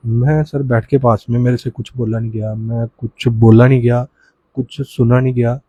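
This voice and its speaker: A man giving an emotional first-hand account as an interviewee, speaking haltingly with restarts and often saying sir. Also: medium pitch, steady tone, warm tone, slightly rough, highs cut off. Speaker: relative of the deceased, interviewee.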